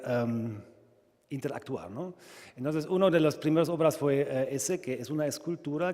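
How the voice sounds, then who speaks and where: A man with a German accent gives an informal talk in a long-reverb hall. His delivery is slow and halting, with a mellow tone, as he searches for words in a second language. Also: medium pitch. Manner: halting, searching for words in non-native Spanish. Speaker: sculptor presenting own work. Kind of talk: informal conference presentation.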